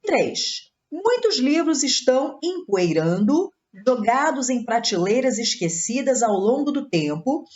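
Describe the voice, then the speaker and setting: A Brazilian woman runs an exam-prep grammar lesson, walking through each answer step by step and checking in with her students. Her voice sits fairly high and swoops up and down with plenty of life. The recording sounds a little dull and lo-fi. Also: big pitch swings, unhurried, few pauses, darkish tone. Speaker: Portuguese teacher.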